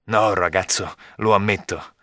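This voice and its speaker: A man voicing a suspicious, hot-tempered nobleman in a storybook reading, who shouts and threatens. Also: low voice, fairly even intonation, a little slow, no room sound, clean studio sound. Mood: softened.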